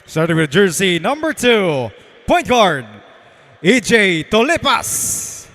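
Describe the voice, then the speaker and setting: A man's voice: high voice, very animated, slow, fairly bright tone. A man with a Filipino accent announcing in a hyped arena style, stretching out names like a fighting game announcer. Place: large indoor arena over PA. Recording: long echoing arena PA reverb.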